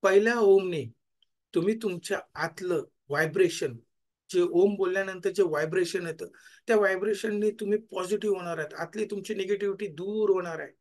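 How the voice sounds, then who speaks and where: A man guides listeners through a gratitude meditation as a life coach. He repeats each thank-you several times, and every repetition drops quieter until it trails away. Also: high voice, brisk.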